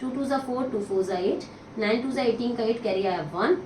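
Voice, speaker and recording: A woman teaching a maths lesson step by step, counting sums out loud and answering her own questions. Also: on the high side, moderate pace, far from the mic. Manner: counts out sums aloud, mixing in English. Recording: echoey room, voice from off the mic, steady noise.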